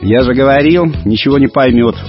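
A man voicing an eager, excitable village boy in a radio story reading. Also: mid-range voice, lightly acted. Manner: eager, quick, exclaiming. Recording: dull radio recording, faint music.

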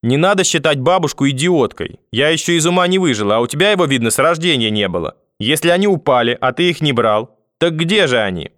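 Brief: elderly granny, foul-mouthed and shrieking at her grandson, a man doing the voice, high and loud, dry booth read. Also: animated, fast, dry recording. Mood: scolding. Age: older. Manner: shouting insults, high and loud. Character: shrill scolding old grandmother, furious and sharp-tongued. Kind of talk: audiobook character voice.

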